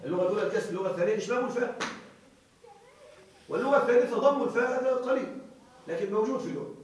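High-voiced man teaching in an echoey hall. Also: a little hiss or hum. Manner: explains slowly, repeats key words, checks "are you with me?". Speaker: grammar teacher. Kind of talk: classroom lecture. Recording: very echoey room, voice far from mic.

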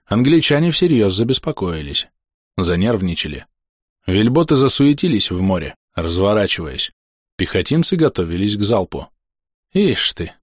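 A man narrating an audiobook in first person, measured and dramatic. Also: fairly low pitch, big pitch swings, no echo, clean studio sound. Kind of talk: scripted narration.

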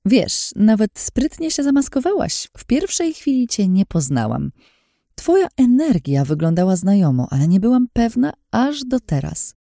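A woman's voice: medium pitch, sing-song, moderate pace, gravelly, dark tone, no room sound, studio quality, pitched above the performer's own voice. A woman voicing a scheming, mocking woman in an audiobook, smug and threatening, in a taunting sing-song way.

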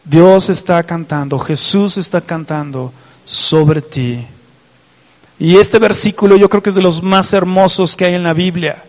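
A man's voice: high-pitched, measured pace, darkish tone, big-room sound. A man preaching a fervent sermon, reading scripture aloud and asking his listeners direct questions. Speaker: pastor.

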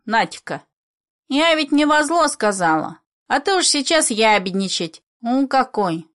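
A woman doing a loud, merry poor mother. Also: fairly high pitch, big pitch swings, measured pace, pitched above the performer's own voice. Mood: teasing. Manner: loud, laughing exclamations. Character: merry, boisterous poor mother, laughs easily.

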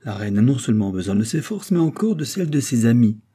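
A man's voice: mid-range voice, very animated, fast, warm tone, slightly rough. A man reading aloud and voicing a genial, well-fed king who talks in a hearty, insistent way. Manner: hearty, insistent, fond of his food.

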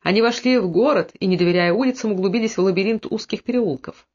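Male narrator with a high-pitched voice, steady storytelling delivery, slightly muffled recording. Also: quick pace. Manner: steady storytelling, lowers voice for characters' quoted lines. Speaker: audiobook narrator. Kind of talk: scripted narration.

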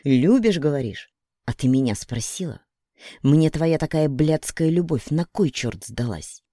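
A bitter young man who speaks in cold, cutting mockery, as a man reads him in an audiobook. The voice is dark and mellow, recorded close and dry. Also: fairly high pitch, lively intonation, a little slow, no room sound. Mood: contemptuous. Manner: sneering, cruel mockery. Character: bitter, contemptuous young man betrayed by his lover.

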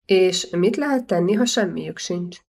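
A woman reading the lines of a young man, a doubtful nephew, in an audiobook, quiet and reluctant. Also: on the low side, animated, gravelly.

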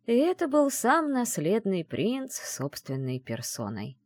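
A woman narrating a first-person fantasy story in an expressive storytelling manner. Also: mid-range voice, a little slow, no room sound, studio quality. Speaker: audiobook narrator.

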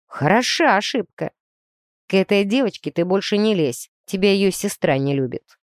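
A woman's voice: medium pitch, animated, moderate pace, dry recording, clean studio sound, natural voice. A woman reading aloud, voicing a stern grown man who scolds his nephew in a strict, reproachful way. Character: stern adult man, an uncle.

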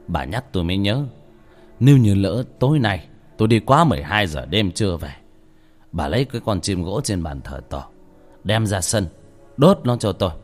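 A stern, resigned old exorcist speaks in a low, grave, matter-of-fact voice, as the male narrator plays him. His pitch still moves a lot. Faint music sits under the tale.

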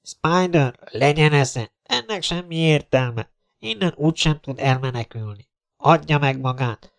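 A man voicing a stern male police captain who gives orders through a loudspeaker. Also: a little high, animated, creaky, voice pushed up. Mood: commanding. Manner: commanding, demanding.

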